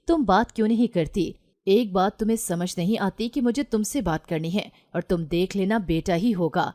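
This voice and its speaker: A woman's voice: mid-range voice, warm tone, close to an everyday voice. A woman narrator voicing a pushy, menacing young man in a storybook reading, with little change from her own voice. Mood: threatening. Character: pushy threatening young man, unwanted visitor. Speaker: intruder in a read-aloud story.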